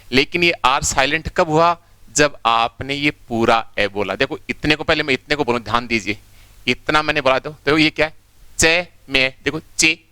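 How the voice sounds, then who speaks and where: A male teacher giving an online exam-prep lesson, repeating key points and slowly breaking words into their separate sounds. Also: medium pitch, pushed and bright, clear, resonant tone, no echo. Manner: slowly spells out sounds one by one.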